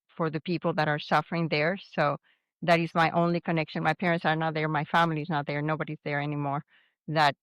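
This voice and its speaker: A Venezuelan woman in her sixties, with a voice on the low side, is a guest in a casual interview, recorded dry. Subdued and grieving a recent loss, she speaks reflectively and often restarts her sentences.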